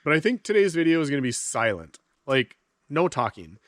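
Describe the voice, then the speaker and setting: A man's voice: on the high side, very animated, a little fast, dry recording, clean studio sound. Stuffy-nosed man rambling to camera. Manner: rambling, chatty, talks to viewers while working. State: stuffed up from a head cold. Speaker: homesteading vlogger. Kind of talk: casual vlog talk to camera. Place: outdoors at a rural homestead.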